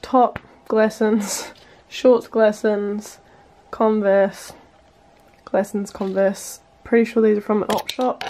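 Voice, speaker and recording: A woman's voice: mid-range voice, little pitch movement, unhurried, darkish tone, a little hiss or hum, low-quality recording. A young woman with a New Zealand accent, chatting upbeat to camera as a vlogger. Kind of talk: casual vlog narration.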